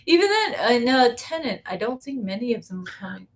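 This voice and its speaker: Female co-host, slightly high voice, blunt and casual, swears freely. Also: very animated, a little fast. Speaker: podcast co-host. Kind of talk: casual film discussion.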